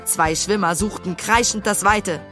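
A woman narrating a children's storybook in an expressive storytelling manner. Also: mid-range voice, unhurried, soft background music. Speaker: audiobook narrator.

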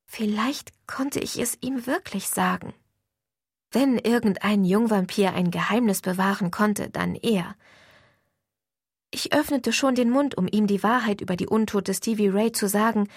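A woman's voice: medium pitch, a little slow, breathy edge, no echo, studio quality. A woman reads a first-person audiobook in an intimate, confiding storytelling manner. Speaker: audiobook narrator.

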